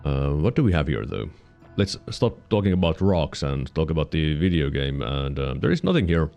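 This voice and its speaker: A man giving casual let's-play commentary, musing to himself with sudden excited yelps. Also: a bass voice, creaky, faint music behind. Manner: musing, self-talking, quick excited yelps. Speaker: gaming channel host.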